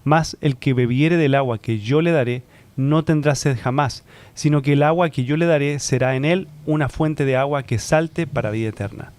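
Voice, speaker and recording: A man's voice: medium pitch, normal speed, a little mellow. Man reading scripture aloud.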